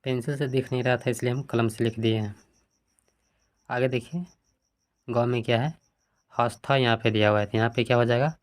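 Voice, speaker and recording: A man's voice: mid-range voice, fairly even intonation, fairly quick, long pauses. Man teaching a textbook lesson. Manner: asks questions then answers them himself; reads word forms out one by one.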